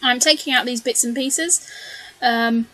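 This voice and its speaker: Unhurried and fairly high-pitched, her pushed, bright voice shows she's slightly losing it. The scrapbooking video creator narrates her craft process casually, rambling chattily with frequent ums, asides, and self-corrections. The recording is low quality but has no echo.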